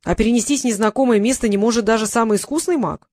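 A woman's voice: a little high, fast, darkish tone, dry recording, studio quality, natural voice. Woman doing an unsure young wizard boy. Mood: uncertain.

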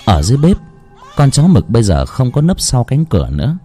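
A man's voice: mid-range voice, huge pitch swings, fairly quick, warm tone, soft background music. A man who chats casually with listeners and then reads a horror story aloud in a grave, dramatic voice. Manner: chatty and joking in the intro, grave when reading.

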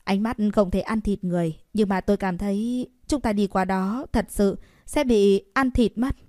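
A woman voicing a nervous young woman who protests loudly. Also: mid-range voice, normal speed, no echo, clean studio sound, close to an everyday voice. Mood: upset. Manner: nervous, then indignant protest. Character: timid but fiery young woman.

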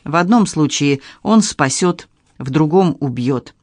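A man's voice: on the high side, expressive, unhurried, no room sound, studio quality. A man reading an audiobook, voicing a blunt, sarcastic young woman with a mocking, cutting manner. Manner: mocking, cutting, coldly matter-of-fact.

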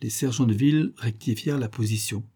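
Man narrating, dark and husky. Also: medium pitch. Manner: measured storytelling. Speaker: audiobook narrator. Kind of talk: scripted narration.

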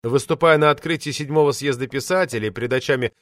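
A man's voice: medium pitch, quick pace, dry recording. A man narrating a novel in the first person, with an ironic, storytelling manner on a close studio mic. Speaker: audiobook narrator.

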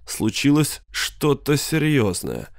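A man reading an audiobook in measured scripted narration. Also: mid-range voice, big pitch swings, gravelly, dry recording, clean studio sound. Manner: measured storytelling.

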